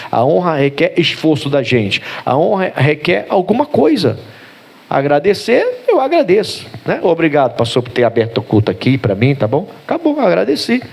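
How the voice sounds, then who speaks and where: Animated Brazilian pastor preaching. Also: male voice, high-pitched, creaky. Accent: Brazilian Portuguese. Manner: animated preaching with acted-out dialogue. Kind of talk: sermon.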